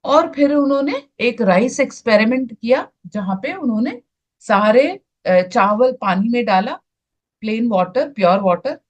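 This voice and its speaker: Indian woman teaching online, slow and measured, slightly high voice, pauses to find words. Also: lively intonation. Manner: slow, searching for words, screen-sharing as she talks. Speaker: spiritual teacher. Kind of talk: explaining to an online group.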